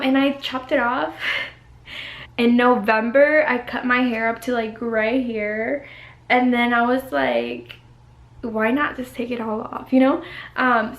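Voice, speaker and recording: Recovering from the flu, a young woman in her 20s, a college student who vlogs, talks to camera from her bedroom in a chatty, giggly way, peppering her speech with "like" and "y'all." Her voice is a little high and a bit bright, and the room sounds reverberant.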